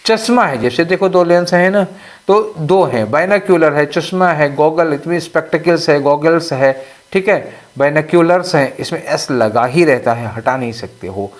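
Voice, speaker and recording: A man's voice: fairly high pitch, normal speed. A man teaching English exam questions, explaining step by step and often checking that students follow. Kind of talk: exam question walkthrough lesson.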